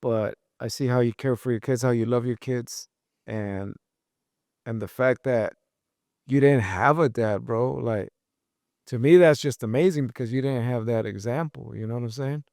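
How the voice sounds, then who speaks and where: A man's voice: medium pitch, normal speed, vocal fry, darkish tone, no room sound, clean studio sound. A man hosting a podcast in casual chat, encouraging and laid-back, saying "bro" and "man" often. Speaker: podcast host.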